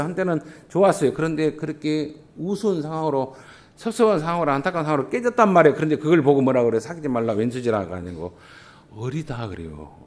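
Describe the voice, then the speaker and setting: Male pastor, Jeolla Korean accent, lively pitch, passionate sermon delivery with loud and soft swings. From Jeolla region, South Korea. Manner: impassioned, swinging from loud emphasis to quiet, drawn-out asides. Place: church sanctuary.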